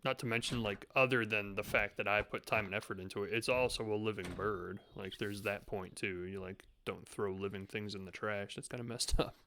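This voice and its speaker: A man giving animated, jokey commentary while playing a game, talking to the characters on screen. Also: fairly low pitch, brisk, hardly any pauses, slight background noise. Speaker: gamer. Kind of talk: let's play commentary. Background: game music.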